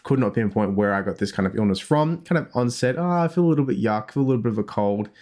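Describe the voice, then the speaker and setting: Speaking fast and animatedly in a fairly low, slightly mellow voice, a young Australian dietitian hosts a health podcast. He rambles casually, making self-deprecating remarks and frequently starting over.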